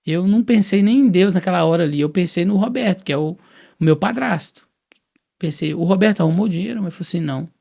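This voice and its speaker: A man from Brazil with a somewhat high, gravelly voice tells his testimony as a guest. He talks casually and acts out each quoted exchange as he goes. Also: fast talker. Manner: lively storyteller who acts out quoted dialogue.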